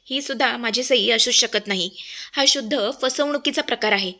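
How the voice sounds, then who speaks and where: A woman's voice: fairly high pitch, normal speed, sharp tone. A woman voicing an angry, commanding man who heads the household. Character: angry authoritative husband, head of house.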